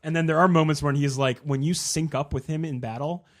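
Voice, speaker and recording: A man co-hosting a gaming podcast, chatting casually and rambling, acting out game characters in quick asides. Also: fairly high pitch, steady tone. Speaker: podcast co-host. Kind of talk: casual chat.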